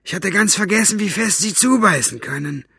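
A man's voice: lively intonation, brisk, vocal fry, bright, forceful tone, breathy edge, no room sound, heavily acted. A coarse, irritable henchman who grumbles in a voice pushed well above the reader's own, as a man puts him on. It sounds dry and close. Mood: grumbling. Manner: grumbling, raised pitch.

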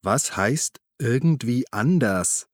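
A man's voice: medium pitch, animated, no echo, studio quality, lightly acted. A man voicing an impatient police inspector who presses for answers and drawls his words, in an audiobook reading. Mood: impatient probing. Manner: insistent, drawn-out words.

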